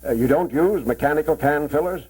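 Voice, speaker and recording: A man's voice: a little high, fairly quick, a little mellow, slightly rough. A man playing an impressed businessman in a 1940s promotional film, talking in an appreciative, conversational way. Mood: curious. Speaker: visiting businessman viewing the film. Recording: muffled, worn 1940s film soundtrack.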